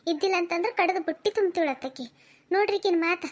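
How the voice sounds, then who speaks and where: A woman's voice: very high-pitched, fast. A woman voicing an angry, protective middle-aged mother in a cartoon, scolding with a North Karnataka accent and repeating her jabs. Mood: furious scolding. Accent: North Karnataka Kannada. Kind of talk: cartoon voice acting.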